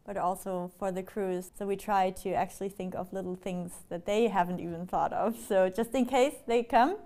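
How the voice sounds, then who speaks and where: A woman's voice: medium pitch, steady tone, moderate pace, mellow. A woman answering interview questions about arranging private jets, chatty and laughing between points. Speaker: private jet handling staff. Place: airport office.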